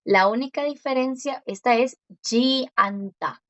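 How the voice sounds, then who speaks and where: A woman's voice: high voice, no room sound, lo-fi sound. Patient woman teaching a language lesson. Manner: patient, explains step by step and repeats words slowly.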